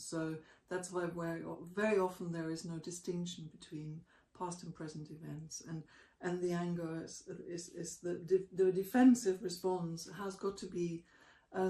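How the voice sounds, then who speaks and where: A co-host on a relationship podcast speaks in a measured way, with plenty of ums and uhs. The voice sits at a middling pitch. It sounds roomy and set back from the microphone. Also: a little mellow, recorded from a distance. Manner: measured, explanatory, with many filler sounds. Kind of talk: conversational podcast discussion. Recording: echoey room, away from the mic.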